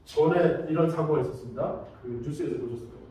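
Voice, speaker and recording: A man giving a safety training lecture, telling lively stories and acting out examples. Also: on the high side, fast talker. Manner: lively storytelling with acted-out examples. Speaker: safety instructor. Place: large lecture room. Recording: echoey hall, mic far off.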